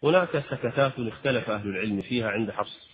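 A man teaching the rules of Quran recitation, explaining at a measured pace and breaking into slow, melodic recited examples. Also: fairly low pitch, big-room sound. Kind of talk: tajweed lesson with chanted examples. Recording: slightly dull lo-fi sound.

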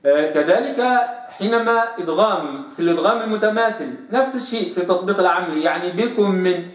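A man with an Egyptian accent teaching recitation, who explains each point and then drawls out sample sounds slowly in a lower voice. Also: far from the mic. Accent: Egyptian Arabic. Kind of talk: tajweed lesson. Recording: echoey room, voice off-mic.

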